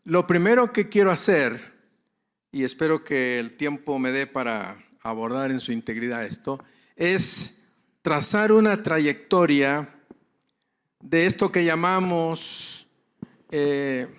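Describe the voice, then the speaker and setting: A man's voice: fairly high pitch, lively intonation, slow, clear, resonant tone. A male pastor giving a conference lecture to other pastors, repeating key phrases for emphasis and asking and answering his own questions.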